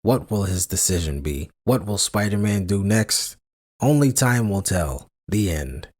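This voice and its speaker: A man's voice: on the low side, expressive, a little slow, darkish tone. A man reading scripted comic-book narration in a dramatic announcing manner.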